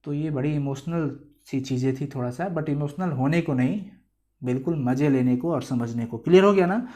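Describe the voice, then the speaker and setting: A man's voice: fairly high pitch, normal speed, mellow. A man with a Bihari Hindi accent, a teacher chattily explaining a chapter to students and mixing in English words. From India. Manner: chatty, mixes English words into Hindi, acts out quoted lines.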